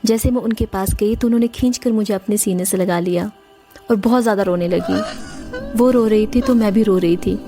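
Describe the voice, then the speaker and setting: A woman's voice: mid-range voice, normal speed, dark tone. A woman narrating a first-person horror story in an earnest, emotional way, speaking directly to her listeners. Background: faint music.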